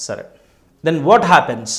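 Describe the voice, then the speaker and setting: A man's voice: on the high side, big pitch swings, very slow. A man teaching a language lesson, spelling words out letter by letter and repeating each rule. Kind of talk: classroom lesson.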